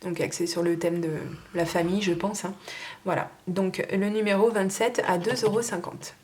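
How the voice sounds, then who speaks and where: A woman's voice: medium pitch, steady tone, normal speed, darkish tone, a little hiss or hum. A woman casually showing and pricing her craft stamps one by one, talking in a hesitant, chatty way with many fillers. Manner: chatty and informal. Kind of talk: casual show-and-tell sale.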